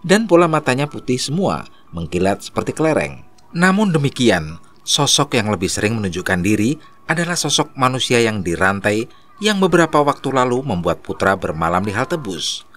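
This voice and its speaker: A man narrating a horror story in a steady storytelling manner. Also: medium pitch, moderate pace.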